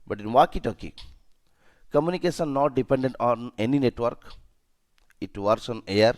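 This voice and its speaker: A safety and security trainer with an Indian accent leads an instructional lesson in a medium-pitched, somewhat mellow, animated voice at a moderate pace. He speaks emphatically, repeats the key points and checks understanding with short questions.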